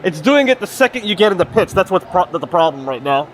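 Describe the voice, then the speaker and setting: Calm race-engineer man, slightly high voice. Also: fast, a little hiss or hum. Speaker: streamer and team manager in a sim race. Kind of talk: casual team chat over voice comms.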